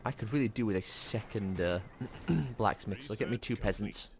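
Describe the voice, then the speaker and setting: Low-voiced man doing casual game commentary. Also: moderate pace, gravelly. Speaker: gaming video host. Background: game sounds.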